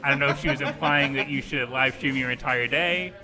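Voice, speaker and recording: A man's voice: mid-range voice, a little fast, over music. Man reading listener comments aloud. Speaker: podcast producer reading audience comments.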